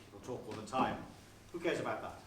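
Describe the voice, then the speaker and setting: An actor playing a flustered, pompous middle-aged bank manager with an English accent, on stage in an echoey hall and heard from a distant mic. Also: male voice, mid-range voice, expressive, quick pace, noisy background, lightly acted. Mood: pleading. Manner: pleading, flustered, then barking orders. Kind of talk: amateur stage comedy acting.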